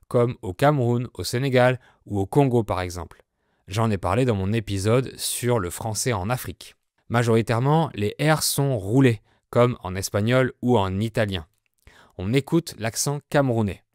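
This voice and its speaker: A French man hosting a podcast lesson, explaining with slow, clear delivery. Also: medium pitch, a little mellow, no echo, studio quality. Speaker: French teacher, podcast host.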